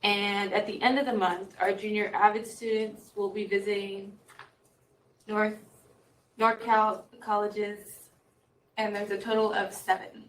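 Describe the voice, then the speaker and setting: A woman's voice: medium pitch, level tone, a little slow, long pauses, a bit bright. A teenage girl giving the student representative's report at a school board meeting, in short updates with some fillers. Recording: echoey room, distant mic, faint noise.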